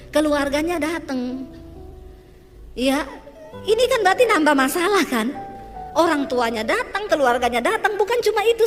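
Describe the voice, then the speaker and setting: A woman pastor preaching a sermon, telling her own story with emotion and joking with the congregation. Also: sits high. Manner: emotional testimony with audience banter. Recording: long hall reverb with faint music.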